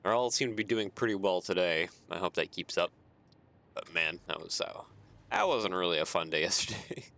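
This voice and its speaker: A man's voice: low-pitched, normal speed, creaky. A man streaming a game, casually talking himself through building and chuckling often, tired and yawning. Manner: thinks aloud, chuckles often, relaxed rambling. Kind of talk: casual gameplay commentary. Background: soft background music.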